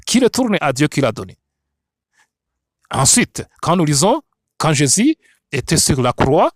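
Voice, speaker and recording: A man's voice: on the high side, no room sound, studio quality. A man with a foreign accent in French, a non-native speaker, teaching the Bible like a preacher in an emphatic, repetitive, didactic way with rhetorical questions. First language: not French.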